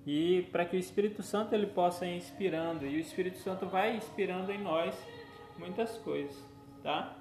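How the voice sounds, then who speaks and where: A man preaching a teaching sermon, gently instructive and often checking in with his listeners. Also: high-pitched, brisk. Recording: echoey room with faint music.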